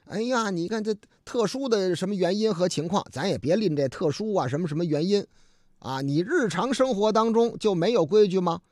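A man's voice: high voice, brisk, a little mellow, no echo, clean studio sound. A man hosting a radio show, telling a story in a chatty, colloquial way full of fillers and asides. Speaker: radio host. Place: radio studio.

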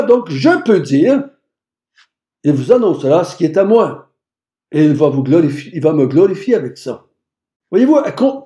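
A man's voice: sits high, dark tone, reverberant. A man teaching a Bible passage, emphatic and repeating phrases for stress. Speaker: preacher.

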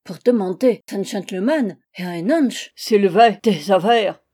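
A woman reading a storybook voices a drunken, bullying male spirit with a thick German accent who slurs and mangles his consonants loudly. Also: mid-range voice, unhurried, slightly rough. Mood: blustering. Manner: slurred mangled consonants, loud and blustering.

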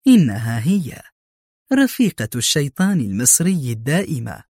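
A man voicing a cold, cunning female spy who speaks in sharp, harsh, mocking tones. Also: mid-range voice, big pitch swings, moderate pace, breathy edge, no room sound, clean studio sound. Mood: scornful.

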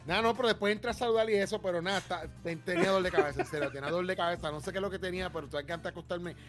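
A man chats casually as a podcast co-host, easygoing and quick to laugh. His voice sits noticeably high for a man. Faint music plays underneath. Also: fairly even intonation. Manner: laid-back, chatty, laughs often. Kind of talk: casual gaming chat.

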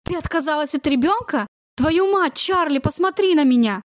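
A woman voicing a furious, betrayed young man who shouts bitter accusations, in an audiobook read in a dry close voice. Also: high voice, moderate pace, no room sound, close to an everyday voice. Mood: angry.

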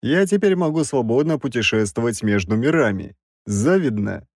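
A man's voice: medium pitch, animated, darkish tone, no room sound. Male reader as a cold six-armed creature for an audiobook, level and ironic, dry sound. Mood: stern. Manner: measured, coldly ironic. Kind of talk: audiobook character voice.

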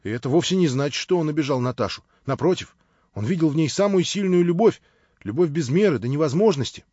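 A man's voice: a little high, lively intonation, fast, dark tone, dry recording. A man voicing a naive young man who talks in a plaintive, rambling way, read from an audiobook. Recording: dry, slightly dull lo-fi audio.

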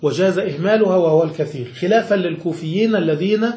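A man with a high voice teaches grammar to a student, restating every point in simpler words and checking that it landed. The room is echoey. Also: fast, warm tone. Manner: patient, repeats and rephrases each point, checks understanding. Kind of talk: explaining a grammar text to a student.

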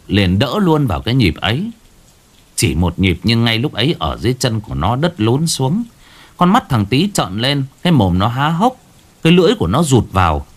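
A man narrating a ghost story dramatically. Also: mid-range voice.

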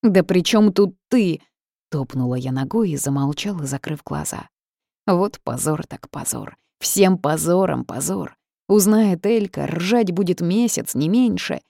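A woman reading a first-person story aloud, lively with wry asides. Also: fairly low pitch, a little slow, creaky, no room sound, studio quality. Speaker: audiobook narrator. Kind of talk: first-person audiobook narration.

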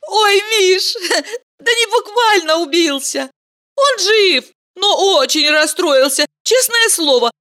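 A bright, teasing young heroine, voiced by a woman reading a storybook sounds very high and lively. She talks in quick exclamations, swinging up and down all over her range. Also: exaggerated voice. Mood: bubbly. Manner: bubbly, chirpy and exclamatory.

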